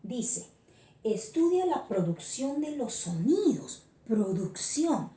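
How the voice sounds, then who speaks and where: A woman's voice: fairly high pitch, big pitch swings, unhurried, mellow, echoey room. A woman with a Peruvian accent teaching an online class, patient and encouraging, often checking in with her students. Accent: Peruvian Spanish. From Peru. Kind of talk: virtual class lecture.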